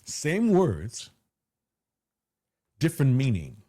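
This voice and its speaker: Pitch swooping wildly around a mid-range, dark voice, this man takes things slowly. He is a hypnotherapist interviewed conversationally as a guest, says he has a big voice, and repeats phrases emphatically for stress.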